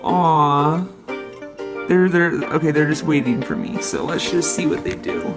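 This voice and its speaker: A woman's voice: low voice, big pitch swings, measured pace, creaky, over music. A woman chatting casually as she films a vlog as a dog owner.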